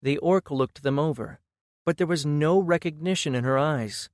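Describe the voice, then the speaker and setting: A man's voice: a little high, normal speed, dry recording, studio quality. Man narrating a fantasy audiobook.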